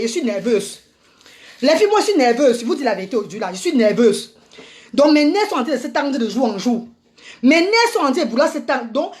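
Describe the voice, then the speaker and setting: A woman vlogger delivering an indignant, repetitive ranting monologue, scolding her listeners and calling them "maman" and "mes amis.". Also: high-pitched. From Africa.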